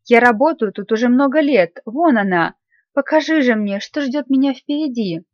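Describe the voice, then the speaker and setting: An anxious old miser pleads slowly with a spirit, as a woman reading the tale puts him on. The voice is somewhat high for him, on a slightly dull, dry recording. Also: expressive, no room sound, close to an everyday voice. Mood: pleading.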